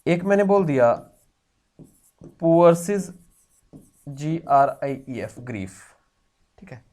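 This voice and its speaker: A man teaching grammar in an online lesson, explaining slowly, repeating key phrases and addressing the students warmly. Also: medium pitch, expressive.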